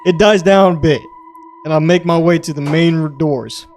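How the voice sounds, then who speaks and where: Mellow-voiced man reading stories crudely. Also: on the high side, normal speed, faint music behind. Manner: crude, joking, reads in clipped green-text style. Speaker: podcast host. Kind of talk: casual reading of online stories.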